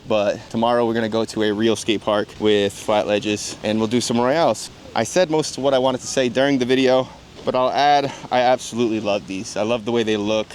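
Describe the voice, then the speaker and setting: A man vlogging at an outdoor skate spot in a casual, chatty way. He spurs himself on between attempts and swears freely when he misses. Faint street noise sits behind his voice. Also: medium pitch. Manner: self-encouraging, swears when tricks fail. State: out of breath after skating. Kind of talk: casual vlog commentary.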